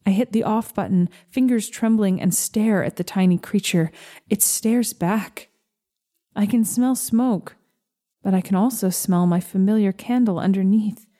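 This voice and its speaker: A woman narrates a first-person tale with a slow, gentle, measured delivery. Her voice is mellow and warm and sits at an ordinary middle pitch.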